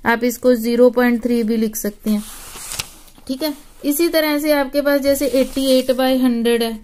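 High-voiced patient woman maths teacher. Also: moderate pace, a little mellow, a little hiss or hum. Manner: patient, addresses students as "beta". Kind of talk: classroom lesson.

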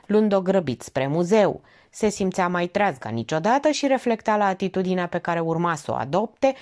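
A woman reading a novel aloud as audiobook narration, telling it expressively. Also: medium pitch. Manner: expressive, even storytelling. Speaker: audiobook reader.

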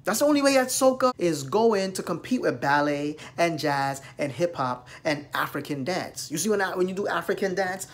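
Barely pausing, a US dance vlogger in his thirties lectures his phone camera, held at arm's length in a small room, with emphatic, direct address. His voice is a little high, with lively intonation and a moderate pace.

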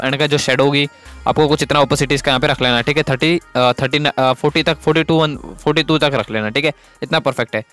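A man's voice: mid-range voice, fairly bright tone. A man hosting a photo editing tutorial, giving step-by-step instructions, often saying "guys" and "okay". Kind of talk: screen-recorded editing tutorial.

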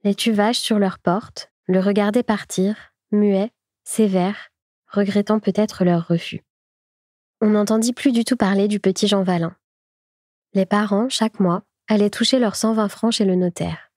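Warm-voiced woman reading a classic tale. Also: mid-range voice, steady tone, measured pace, no room sound, clean studio sound. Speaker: audiobook reader. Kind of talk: scripted literary narration.

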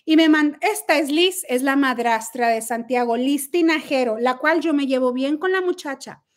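A middle-aged woman with a Mexican accent and a high-pitched voice hosts a casual livestream chat by phone at a moderate pace. Brash and profane, she mocks her critics.

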